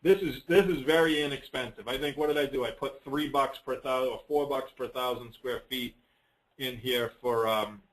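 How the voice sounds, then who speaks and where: Thinking aloud and rambling somewhat, a man presents an unscripted, casual software walkthrough on a conference call. His mid-range voice keeps a moderate pace, and the recording is rough.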